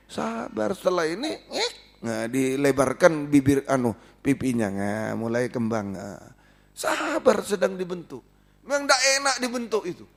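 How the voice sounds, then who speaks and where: A man's voice: fairly high pitch, gravelly. A man preaching as pastor, repeating his points and mixing exhortation with playful asides. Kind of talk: sermon. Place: church.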